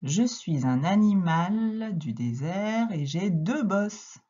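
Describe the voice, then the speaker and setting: A woman's voice: mid-range voice, expressive, slow, warm tone, breathy edge, lo-fi sound. A woman teaching a reading lesson to young children, speaking patiently and sounding out letters and syllables one by one. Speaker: primary school teacher.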